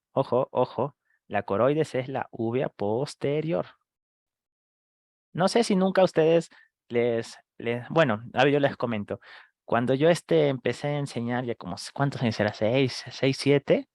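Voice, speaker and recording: Animated man lecturing. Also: medium pitch, no echo, clean studio sound. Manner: animated, asks students quick questions, acts out patients screaming. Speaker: medical lecturer. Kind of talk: live online medical class.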